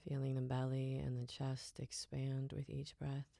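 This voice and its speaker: A yoga nidra guide, a woman, leads a relaxation meditation in a soft, soothing and unhurried way, her phrases often trailing off breathily toward a whisper. Her voice is bass, monotone and creaky.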